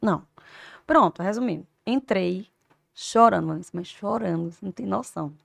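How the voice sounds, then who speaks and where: A woman in her fifties, a teacher and doctor, tells an emotional personal story as an interview guest, swinging between hushed and loud. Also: medium pitch, moderate pace, gravelly, no room sound, studio quality. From Brazil. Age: 50s.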